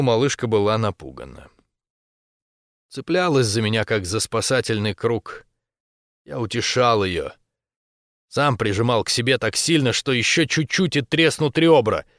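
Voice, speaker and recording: A man narrating a first-person romance novel as an audiobook, in a steady, intimate storytelling voice. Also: mid-range voice, moderate pace, no echo, studio quality.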